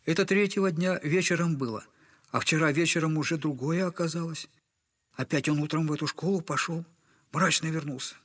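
In an audio drama, an actor voices a humble, wounded retired captain and loving poor father, speaking effusively and haltingly in a servile, old-fashioned manner. The mood is mournful and tender, and his voice is fairly high-pitched with a fairly bright tone.

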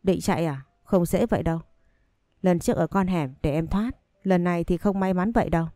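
A woman's voice: fairly low pitch, a little fast, mellow, dry recording, studio quality, lightly acted. A woman voicing a menacing unhinged young man.

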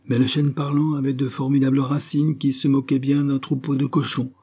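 Audiobook narrator, man, measured reading, dark mellow tone. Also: mid-range voice, little pitch movement, husky. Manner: measured, storytelling. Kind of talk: scripted literary narration.

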